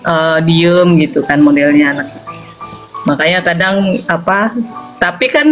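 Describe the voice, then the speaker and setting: With faint music behind her, a woman in her forties who is a mother recounts a story during a relaxed interview at a measured pace. She laughs frequently and performs the quoted lines animatedly, her pitch leaping sharply.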